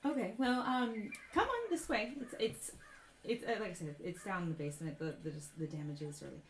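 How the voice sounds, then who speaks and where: A woman playing a soft, anxious caretaker woman. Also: medium pitch, lively intonation, a little fast, reverberant, slight background noise, lightly acted. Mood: polite host. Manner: soft, urgent and pleading. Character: anxious woman caring for a sick man.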